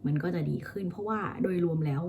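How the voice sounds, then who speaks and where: A woman English teacher with a Thai accent, chatting casually about her practice and slowly drilling English words over and over. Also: lowish voice, mellow, a little hiss or hum. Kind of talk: casual vlog-style pronunciation lesson.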